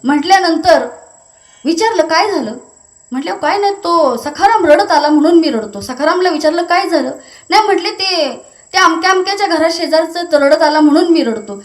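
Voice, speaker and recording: A woman preacher giving a devotional kirtan sermon, telling a lively story and breaking into chanted verses. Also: very high-pitched, fairly quick, reverberant.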